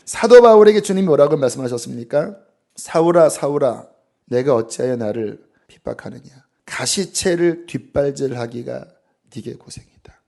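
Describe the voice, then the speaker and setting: A man preaching a sermon in a church, his voice sitting somewhat high for a man. He tells stories animatedly, voicing the people he quotes. Now and then he drops into a soft, breathy hush. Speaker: pastor. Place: church sanctuary.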